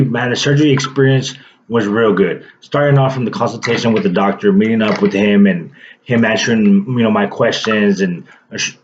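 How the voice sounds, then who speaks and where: A man in his late twenties, a vlogger, tells his viewers a personal story to camera in a loose, wandering style packed with fillers and restarts. His voice sits lowish, and the lo-fi recording carries slight background noise.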